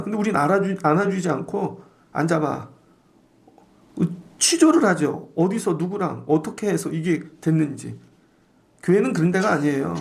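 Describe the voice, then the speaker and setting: A middle-aged male pastor delivering an early-morning sermon in a slightly high, gravelly voice. He talks in a conversational, storytelling way and slips into the voices of the people he quotes. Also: a little mellow.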